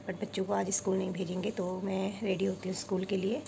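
A woman's voice: medium pitch, flat delivery, fast talker, gravelly, background noise. A woman vlogging casually about her family, coaxing her children to talk. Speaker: vlogger, mother. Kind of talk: casual family vlog chat.

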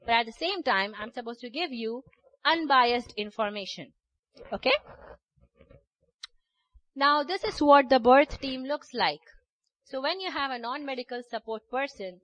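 A woman's voice: sits high, a bit bright, no echo. A woman doula and childbirth educator giving a workshop lecture, explaining step by step and often checking in with "okay?". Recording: dull lo-fi recording.

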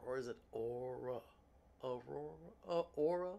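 Dull audio captures a rumbling low, gravelly, warm voice at a moderate pace. The speaker is a congested, sniffly nail artist vlogger unboxing nail gel at her indoor home desk, chatty and self-amused as she talks to viewers as "y'all."

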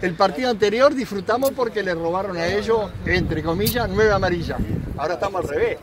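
High-pitched older man giving a halftime speech. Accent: Rioplatense. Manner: rambling, halting instructions with repetitions. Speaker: amateur football coach. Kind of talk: halftime team talk. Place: outdoors beside a football pitch. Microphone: phone a few steps away. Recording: outdoor phone recording with loud group chatter.

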